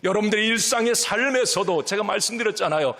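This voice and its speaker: A man preaching a sermon as pastor, emphatic, swinging from loud calls to near whispers, in a church sanctuary. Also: high voice, animated, quick pace, long reverb tail.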